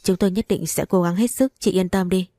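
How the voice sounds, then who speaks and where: A steady female nurse speaks calmly and firmly in a read-aloud story, voiced by a woman narrator. Her voice is low and mellow, and it is recorded close and dry. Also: brisk, dry recording, close to an everyday voice. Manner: calm and reassuring. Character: calm, firm female hospital nurse.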